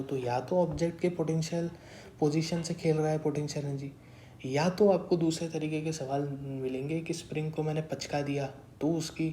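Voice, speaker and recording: A man's voice: fairly high pitch, dark tone, slight background noise. A young man in his twenties tutoring a class in a casual way. He asks questions, answers them himself, calls the listeners brother and keeps repeating that something is exactly right. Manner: repeats a stock phrase of agreement. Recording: roomy echo.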